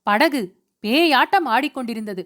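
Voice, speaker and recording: A woman narrating a novel as an audiobook in a steady, measured way. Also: sits high.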